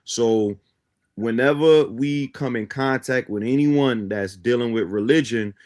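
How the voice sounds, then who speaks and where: A man born in Guyana and raised in Brooklyn, New York, appears as a talk show guest teaching a belief system. His voice is medium-pitched and darkish, and he speaks unhurriedly. He explains his ideas didactically, often checking in with "right?"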